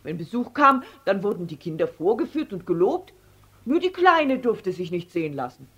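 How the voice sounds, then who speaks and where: A woman reading a children's story aloud in an expressive, playful manner. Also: medium pitch, normal speed, slightly rough, muffled recording.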